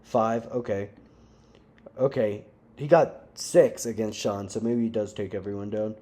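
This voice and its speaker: A young man ranting casually to camera, animated and slangy, breaking into frequent laughs. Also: lowish voice, measured pace. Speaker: vlogger. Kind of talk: casual rant.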